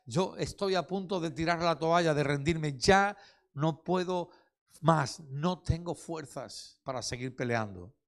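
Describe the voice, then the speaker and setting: A woman's voice: deep voice, a little slow, voice pushed up. A man voicing a tired, pleading young girl. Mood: despairing. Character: worn-out young girl, near giving up.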